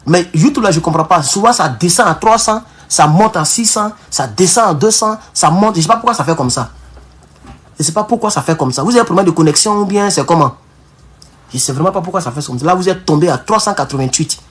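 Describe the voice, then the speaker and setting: A man's voice: high-pitched, lively intonation, brisk, husky. A man with an African French accent hosting a live-streamed political talk. He speaks fervently and emphatically, repeats phrases and restarts words, and keeps addressing his viewers as comrades. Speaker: political livestream host.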